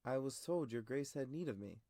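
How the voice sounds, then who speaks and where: A man voicing a smooth-talking young knight who speaks earnestly. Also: medium pitch, lively intonation, a little fast, warm tone, no echo, clean studio sound, pitched above the performer's own voice, close to an everyday voice.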